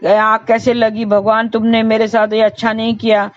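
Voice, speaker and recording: A woman doing a high, wailing mother. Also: completely flat delivery, moderate pace, no echo, close to an everyday voice. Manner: wailing and exclaiming, swinging between grief and joy. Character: emotional middle-aged mother, quick to blame God. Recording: dull lo-fi with faint hiss.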